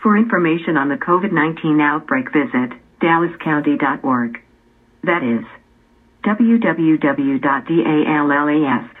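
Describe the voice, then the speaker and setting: A woman reading recorded phone menu options in a measured way. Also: low voice, breathy edge. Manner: measured, spells out letters. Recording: tinny phone line.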